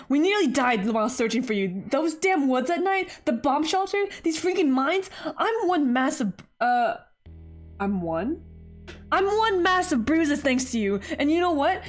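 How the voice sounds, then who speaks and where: A woman voicing a fiery, brash teenage girl who scolds bluntly and loudly in a visual novel. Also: a little high, sing-song, a little slow, hardly any pauses, soft background music, voice pushed up. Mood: scolding.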